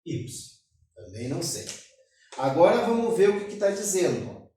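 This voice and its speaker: A man's voice: sits high, very animated, moderate pace, warm tone. A male math teacher with a Brazilian Portuguese accent, giving a classroom lecture and explaining each step with a short cough now and then. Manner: explains step by step, keeps saying "ó". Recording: very echoey room, mic far off.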